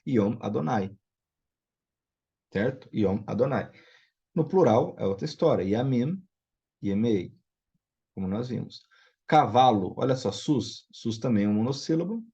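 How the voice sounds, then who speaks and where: With a warm, slightly rough mid-range voice, a man teaches Biblical Hebrew in a recorded online lesson. He is patient in his explanations and frequently checks in with students. The audio is dull and lo-fi.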